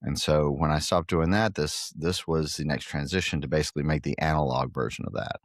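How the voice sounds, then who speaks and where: A man's voice: extremely low pitch, steady tone, a little fast, dry recording, studio quality. A middle-aged man from Guatemala, a facility owner talking earnestly in a casual interview, with many fillers and restarts. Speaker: pickleball facility owner and podcast guest.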